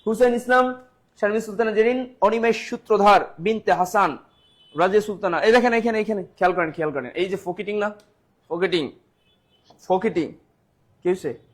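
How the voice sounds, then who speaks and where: High-voiced man teaching a live quiz class. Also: moderate pace, long pauses. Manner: quizzes viewers, reads out commenters' names, repeats answers. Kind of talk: live online exam-prep class.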